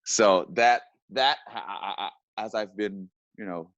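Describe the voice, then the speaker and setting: A man, an actor, talking casually as an interview guest, halting and often repeating his words. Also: fairly low pitch, a bit bright, no room sound, highs cut off.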